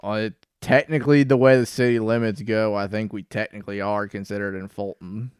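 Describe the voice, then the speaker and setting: Calm young man, smooth dry voice. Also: on the low side, brisk, no echo. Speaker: co-host. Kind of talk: casual chat.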